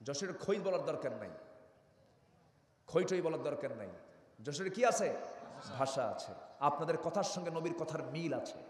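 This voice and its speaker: A male preacher giving an Islamic sermon, calling out to the crowd for loud replies. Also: a little high, expressive, normal speed, pauses often, slight background noise. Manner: call-and-response with the crowd, loud bursts. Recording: roomy echo, long reverb, distant mic.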